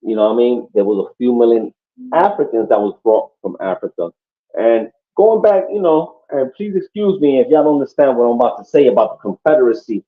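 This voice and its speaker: On a podcast, a Puerto Rican man talks casually and emphatically, swearing a lot and repeatedly asking listeners "you know what I mean." His mid-range voice moves quickly with lively intonation, and the audio sounds muffled and lo-fi.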